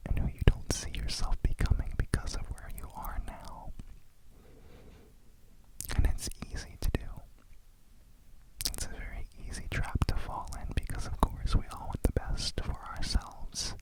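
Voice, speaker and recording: Slow, fully whispered ASMR meditation voice. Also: rough recording. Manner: slow, reflective, deliberate phrasing.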